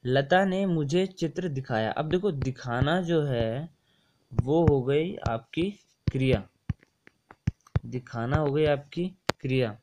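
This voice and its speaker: A man's voice: medium pitch, takes it slowly, noisy background. A young man tutoring for a Hindi exam in a casual, repetitive way, often mixing English words into his explanations. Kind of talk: casual screen-share lesson explaining test answers.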